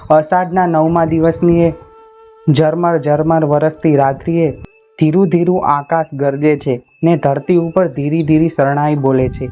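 A man with a fairly high voice reads a folk tale slowly and poetically, as if reciting. The recording is dull and lo-fi, and faint instrumental music plays underneath. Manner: measured, poetic reading. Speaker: storyteller. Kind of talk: dramatic folk-tale narration.

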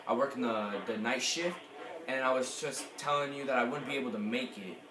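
A man's voice: mid-range voice, brisk. Rambling young man, noisy echoey room. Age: young adult. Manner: rambling, repeats himself. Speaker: prank caller. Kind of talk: casual chat and prank call. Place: small furnished room at home. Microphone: camera a short distance away.

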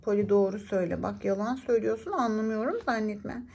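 A woman's voice: medium pitch, quick pace, gravelly, mellow, slight background noise, lightly acted. A woman voicing a chatty, suspicious mother in a children's doll-play story, mildly scolding.

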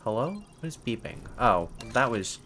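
Male horror game streamer, young, scared and jumpy, very lively intonation, sarcastic and sweary, game noise in the background. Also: medium pitch, moderate pace. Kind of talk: horror game playthrough commentary. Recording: faint-to-clear game noise behind voice. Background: horror game ambience.

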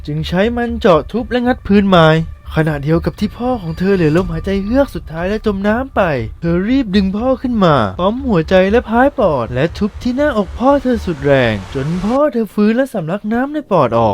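A man narrating a recap of a horror film in a fast, vivid storytelling manner. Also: high-pitched, very animated, a little mellow.

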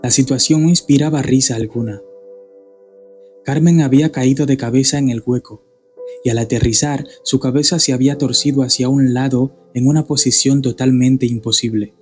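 A man from the Dominican Republic reading a scripted horror story in a measured, grave manner. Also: mid-range voice, fairly even intonation, darkish tone. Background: faint background music.

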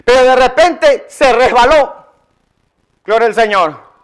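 In a live-streamed Sunday sermon, a male pastor speaks slowly and with animation in a very high-pitched voice. He stresses and repeats his points forcefully, urging the congregation to answer back.

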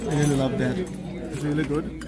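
This travel vlogger's voice sits a little high, with fairly even intonation and a moderate pace, over a loud crowd. Carrying a handheld camera through restaurants and streets, both indoors and outdoors, he praises the food in plain, friendly terms for his casual food vlog, and the camera audio is noisy.

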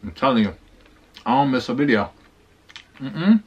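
A man's voice: medium pitch, sing-song, normal speed, slightly rough. A man in a casual eating vlog, chewing with his mouth full and humming over his food in a laid-back, slangy way. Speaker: mukbang vlogger. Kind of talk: casual chat while eating. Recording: dull lo-fi sound.

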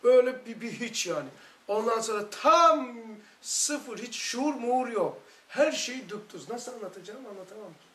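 A man's voice: very high-pitched, animated, moderate pace, fairly bright tone. A man with a Turkish accent leading a religious study circle, talking with fervent, emphatic storytelling. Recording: echoey room recording.

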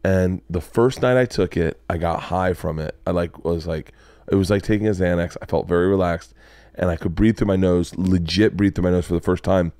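A man in his forties tells stories on his casual podcast, animated and swearing freely, with a brisk delivery. He sits in a studio lounge with leather couches at a boom mic on an arm, and there's no echo.

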